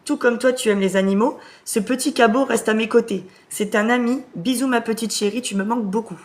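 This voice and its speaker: A woman's voice: a little high, fairly quick, lightly acted. A woman voicing an affectionate old grandfather spirit with a tender, lilting intonation. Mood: doting.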